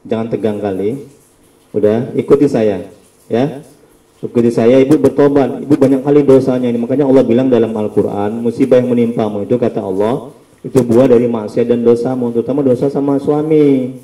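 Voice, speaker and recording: Man, very dark voice, slow chanted prayers, distant roomy recording. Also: medium pitch, fairly even intonation. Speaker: ruqyah healer. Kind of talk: guiding a healing session.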